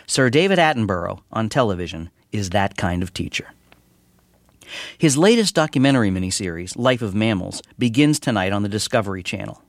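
A man's voice: mid-range voice, no echo, clean studio sound. An American man delivering a scripted radio review as a television critic. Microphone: close studio microphone.

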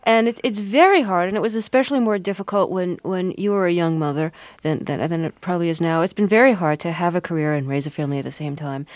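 A woman conducting a conversational interview, haltingly repeating words as she forms her questions. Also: on the low side, no room sound.

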